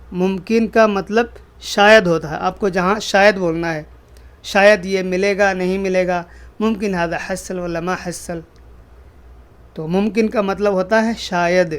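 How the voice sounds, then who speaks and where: Brief: high-pitched male teacher, patient, repeats every phrase and then explains it. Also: smooth. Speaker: Arabic language teacher. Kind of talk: spoken language lesson.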